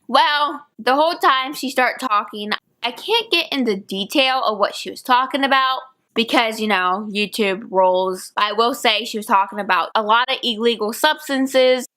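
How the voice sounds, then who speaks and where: Bright high-voiced young woman storyteller. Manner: animated retelling with acted-out quotes. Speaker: vlogger. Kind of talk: storytime vlog.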